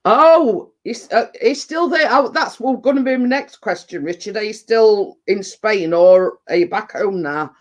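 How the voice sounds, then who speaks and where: A man's voice: sits high, a little slow, few pauses. A man with a Yorkshire accent, chesty and bunged up with a cold, chatting casually and ramblingly to live viewers. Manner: rambling, dialect-heavy. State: getting over a cold and chest infection. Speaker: livestream host.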